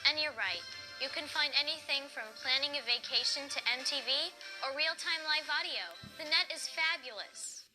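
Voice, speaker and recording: A woman's voice: high-pitched, moderate pace, lightly acted, poor audio. A woman playing a helpful schoolkid who guides friends around the internet in a scripted instructional video. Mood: helpful, upbeat. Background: music.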